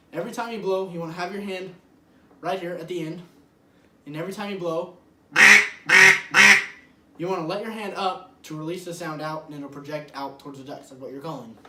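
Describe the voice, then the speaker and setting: A man talks through a casual how-to lesson in a loose, chatty way, with a fairly high voice. He sits some distance from the mic, so the room rings around him and a faint hiss of background noise stays underneath. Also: reverberant. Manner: loose and chatty, leans on "like" and "literally". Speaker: host of a duck hunting channel.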